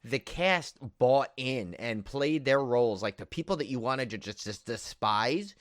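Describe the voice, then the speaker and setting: A podcast co-host with a mid-range voice and lively intonation talks at a measured pace in casual film-review chat. The recording is dry and studio quality. He rambles and repeats himself with enthusiastic emphasis, piling on "like" and "you know".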